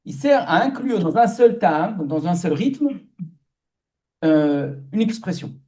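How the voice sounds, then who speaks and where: Rabbi lecturing with many hesitations. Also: male voice, high-pitched, sing-song, a little slow, dark tone. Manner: explanatory, many hesitations and restarts, asks the audience rhetorical questions. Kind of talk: lecture to an audience.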